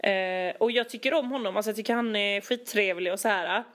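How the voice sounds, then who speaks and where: A young woman chatting casually, animated, acting out quoted exchanges with many fillers. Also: mid-range voice. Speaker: storyteller in casual chat. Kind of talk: casual chat.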